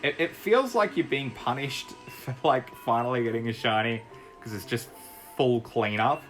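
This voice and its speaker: A young man from Australia, a gaming YouTuber, has a medium-pitched, fairly bright voice and a moderate pace. Faint music sits behind his casual play-by-play of a video game, which meanders and is full of easy laughter.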